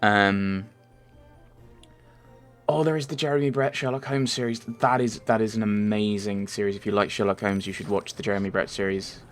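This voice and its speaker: A young Merseyside man, low-voiced and speaking at a normal pace in a steady tone, handles viewer questions in a laid-back, rambling voice-over. He says um a lot and keeps correcting himself, while faint game music plays.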